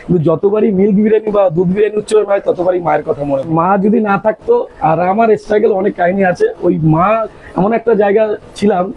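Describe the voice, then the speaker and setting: A man's voice: high-pitched, quick pace, narrow, tinny audio, a little hiss or hum. A man with a Bengali accent, a restaurant owner and cook, earnestly explaining his dishes in a casual interview.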